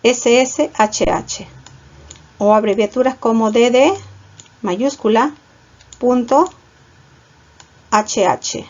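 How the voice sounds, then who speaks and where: Woman teacher, high voice, explains step by step, dull lo-fi recording. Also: takes it slowly, pauses often. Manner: explains step by step, often checks with "¿ya?". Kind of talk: online class lecture.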